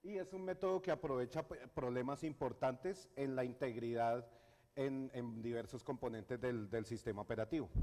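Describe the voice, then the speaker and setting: Colombian guy giving a tech talk, mid pitch, lots of ums and restarts, hall echo. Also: darkish tone. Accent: Colombian Spanish. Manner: hesitant, many fillers and restarts. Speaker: conference speaker. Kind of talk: technical conference talk. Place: university lecture hall with audience. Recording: hall reverb in a lecture hall.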